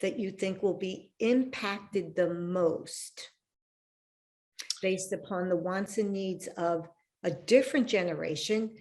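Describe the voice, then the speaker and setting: A woman's voice: medium pitch, slow, darkish tone. A woman hosting an interview over a video call, frank and teasing, laughing easily as she pushes back. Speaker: podcast host. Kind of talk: casual interview chat.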